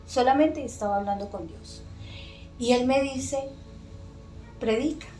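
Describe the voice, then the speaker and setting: Earnest and emotional, a middle-aged podcast guest shares her faith testimony in a fairly high voice, pausing often and using soft fillers. Faint music sits behind her in the echoey space.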